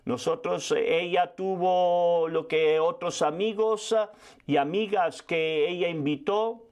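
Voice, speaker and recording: A man in his sixties telling a story in a sermon as a preacher, quick and full of restarts. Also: high-pitched, steady tone, darkish tone, muffled recording. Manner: fast storytelling with frequent restarts. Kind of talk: sermon testimony.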